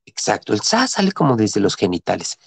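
A middle-aged man guiding a body-movement and mantra session, giving calm repeated cues and chanting vowels for listeners to follow. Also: on the low side, a little fast, vocal fry, slightly rough, no echo. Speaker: meditation and breathwork guide.

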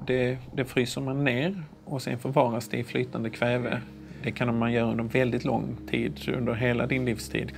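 An actor in his thirties playing a calm doctor in a clinic office, explaining gently with frequent hesitations. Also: medium pitch, creaky, close to an everyday voice. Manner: measured, hesitant with many fillers. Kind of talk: scripted drama, calm explaining. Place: small clinic office indoors.

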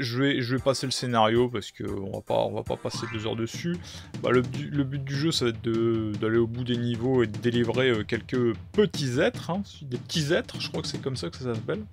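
A man's voice: medium pitch, gravelly. A young man live-streaming a retro platform game, chatting casually, greeting viewers and explaining as he plays. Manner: chatty, greets chat viewers, many fillers. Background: game music.

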